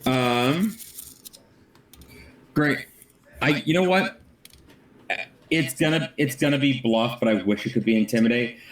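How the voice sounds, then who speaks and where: A young male player jumps into the game with eager jokes and stumbling restarts. His mid-pitched voice rings in a roomy echo. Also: unhurried, long pauses. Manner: eager, joking, stumbles over repeated starts. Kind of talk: casual tabletop game chat.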